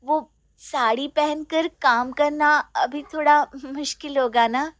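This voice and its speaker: A woman voicing a young, polite newlywed daughter-in-law in a storybook, gentle and apologetic. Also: high-pitched, steady tone, slow pace, no room sound, pitched above the performer's own voice. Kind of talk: storybook voice acting.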